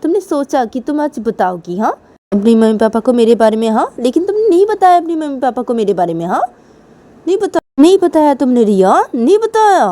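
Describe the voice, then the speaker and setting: A woman's voice: on the high side, expressive, a little fast, warm tone, lightly acted. A woman voicing an angry young woman who scolds her girlfriend insistently. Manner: scolding, insistent, repeats the name.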